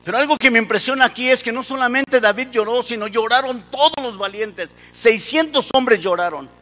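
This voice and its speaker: A man's voice: very high-pitched, a little fast, bright, forceful tone, big-room sound. A man preaching a sermon with passion and urging the congregation to repeat phrases after him. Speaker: pastor.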